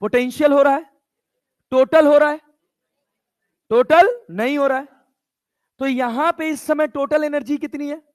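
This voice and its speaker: A man's voice: very high-pitched, fairly even intonation, measured pace, pauses often. A male physics teacher lecturing a class, coaxing and teasing his students and scolding them casually.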